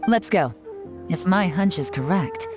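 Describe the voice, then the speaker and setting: With music behind her, a woman performs a video game intelligence officer who is cool, shrewd and composed, carrying a commanding, dry confidence. She speaks in a lowish voice, unhurried, with lively intonation.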